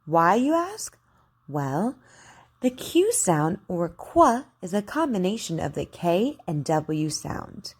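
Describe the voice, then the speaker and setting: Slow, over-enunciating woman teacher. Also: fairly low pitch, sing-song, breathy edge. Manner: over-enunciating, deliberate and careful; encouraging. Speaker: speech articulation instructor. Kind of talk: instructional drill, model sentences for repetition.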